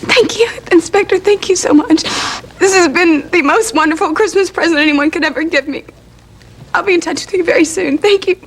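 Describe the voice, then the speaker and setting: Bubbly high-pitched young woman, teary and laughing, old vhs tape hiss. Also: fairly quick. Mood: grateful. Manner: breathless, laughing through tears. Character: young woman, overjoyed and tearful. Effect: old VHS tape recording. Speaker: soap opera character, a young wife. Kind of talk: 1980s daytime soap acting.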